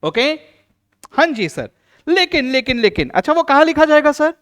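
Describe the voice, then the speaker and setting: A man teaching an accounts lesson, acting out teacher and student and slowing down to stress key rules. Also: very high-pitched. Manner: lively, plays both teacher and student in little dialogues. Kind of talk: classroom lecture.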